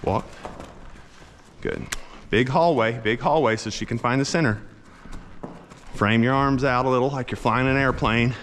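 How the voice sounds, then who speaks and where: A man working as a horse trainer, coaching a rider in a folksy, encouraging way and cooing softly to the horse. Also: medium pitch, a little slow, pauses often, big-room sound, a little hiss or hum. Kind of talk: instructional coaching.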